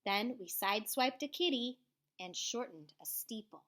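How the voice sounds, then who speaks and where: With a fairly high, expressive voice at moderate pace, this woman gives a children's storybook a lively librarian-style reading. Her delivery rises in theatrical swells and falls into hushed moments.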